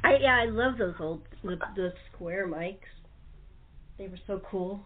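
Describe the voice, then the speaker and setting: Her voice is mid-range and slightly rough, delivered at a measured pace through thin phone-line audio. She hosts a talk show and produces radio plays, and here she's in casual, chatty, enthusiastic conversation.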